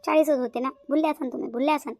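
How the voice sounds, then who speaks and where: Woman voicing a sly, fast-talking daughter-in-law. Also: high-pitched, fairly even intonation, creaky, a little mellow, dry recording. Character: scheming young daughter-in-law, sly and bossy. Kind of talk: cartoon voice acting.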